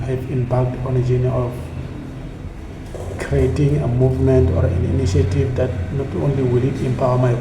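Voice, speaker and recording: A South African man whose first language is Tsonga speaks in an earnest, flat, mid-range voice, halting and repeating phrases. He founded a community initiative and delivers a reflective, motivational monologue in an echoey room with steady background noise.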